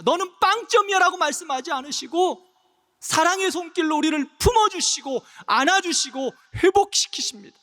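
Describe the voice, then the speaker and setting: Male pastor, sermon, impassioned delivery that slows for emphasis; very high pitch, church hall reverb. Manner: impassioned, swings between soft and loud, slows on key phrases. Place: church sanctuary.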